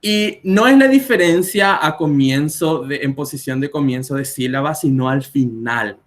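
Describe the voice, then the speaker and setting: A man's voice: on the high side, moderate pace. A man in his twenties with a Paraguayan Spanish accent, a Spanish teacher patiently explaining pronunciation with spoken examples on a live video stream. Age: 20s.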